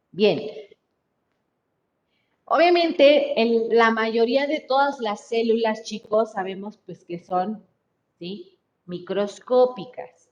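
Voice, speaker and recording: Woman, Mexican Spanish accent, slow patient biology teacher, muffled call audio. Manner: slow, explaining step by step, frequent checking "¿sí?". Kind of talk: online class lecture. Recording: muffled lo-fi mic with faint rumble.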